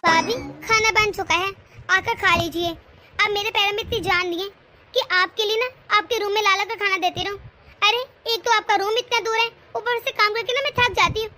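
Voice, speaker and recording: A woman's voice: extremely high pitch, steady tone, normal speed. A woman voicing a lazy, scheming younger daughter-in-law in a cartoon family drama, constantly grumbling and complaining.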